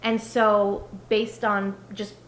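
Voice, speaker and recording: A woman's voice: mid-range voice, flat delivery, very slow. A woman, a children's book author, talking casually in a podcast interview, rambling with many fillers. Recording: roomy, with faint noise.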